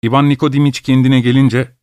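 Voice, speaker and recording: Male audiobook narrator, mid pitch, measured literary reading, dry close studio sound. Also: flat delivery, a little mellow, no room sound.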